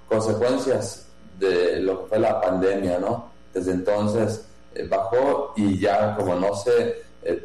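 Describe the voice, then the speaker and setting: Slow, dark-voiced Mexican priest. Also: male voice, on the low side. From Mexico, Jalisco. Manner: slow, halting, many fillers and restarts. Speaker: priest in charge of a seminary. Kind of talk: interview answers. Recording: echoey room with mains hum.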